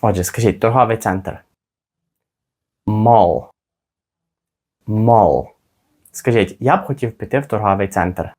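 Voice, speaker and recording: A man teaching a spoken English lesson, modelling phrases slowly and carefully for listeners to repeat. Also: fairly low pitch, darkish tone.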